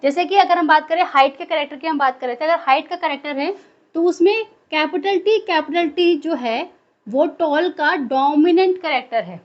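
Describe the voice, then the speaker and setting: A woman's voice: sits high, moderate pace, highs cut off. A woman teaching a biology class in a lecture style, asking questions and answering them herself.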